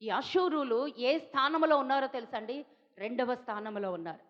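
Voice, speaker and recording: A woman from India preaches a sermon in a high voice, firing repeated questions at her listeners. Her voice rings out with a long reverb, as if in a large hall. The sound is dull and lo-fi. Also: normal speed. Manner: emphatic, repeats questions to the congregation. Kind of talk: Telugu sermon.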